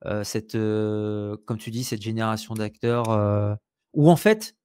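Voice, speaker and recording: A man's voice: fairly low pitch, a little slow, clear, resonant tone. A man with a French accent chatting casually about films on a podcast, full of hesitations and restarts. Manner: animated, many hesitations and restarts. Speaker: podcast host.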